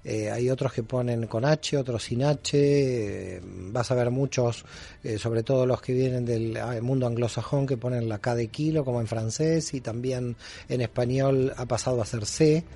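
Male guest scholar, mellow dark tone, formal explainer. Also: mid-range voice, steady tone, normal speed, creaky. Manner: explanatory, formal, with frequent fillers. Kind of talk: explanatory interview answers.

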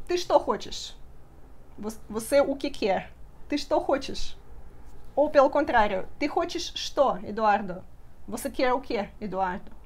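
Lively high-voiced woman teaching a lesson. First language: Russian. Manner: lively, checks in often with the listener. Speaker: Russian language teacher. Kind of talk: live online lesson.

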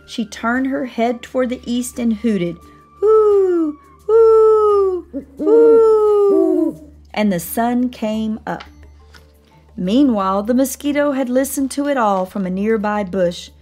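A woman with a fairly high voice reads a children's story aloud, with lively, animated delivery. Soft music plays faintly beneath her. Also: unhurried. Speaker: storybook reader. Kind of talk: expressive read-aloud narration.

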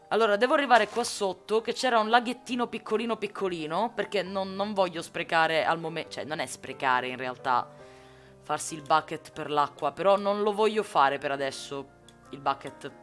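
A woman's voice: fairly low pitch, fairly bright tone. Chatty Sicilian woman streaming a game. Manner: chatty and joking, answers viewers' comments. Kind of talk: casual live gameplay chat.

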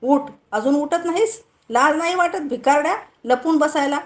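A woman voicing a stern mother who scolds sharply and later softens. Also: high voice, normal speed, lightly acted. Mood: angry scolding.

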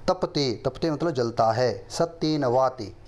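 A middle-aged man teaching a lesson, reciting verses slowly in a chant and then explaining them quickly. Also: medium pitch, a little mellow. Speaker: Sanskrit teacher.

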